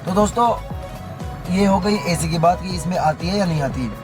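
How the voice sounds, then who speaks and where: Hoarse male vlogger, slightly high voice, casual in-car demo, music bed behind. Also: normal speed, low-quality recording. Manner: keeps saying "friends" and "okay" to viewers. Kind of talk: casual how-to demonstration. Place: inside a car.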